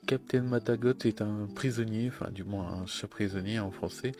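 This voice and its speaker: Low-voiced man over music. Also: moderate pace, warm tone. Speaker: presenter introducing a streamer. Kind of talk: casual informal presentation. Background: background music.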